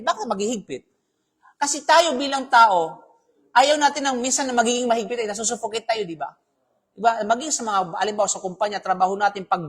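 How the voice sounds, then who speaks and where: Husky-voiced male preacher, conversational. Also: very high-pitched, fairly bright tone. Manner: conversational, keeps asking "di ba?", mixes in English phrases. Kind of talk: live Islamic talk on marriage.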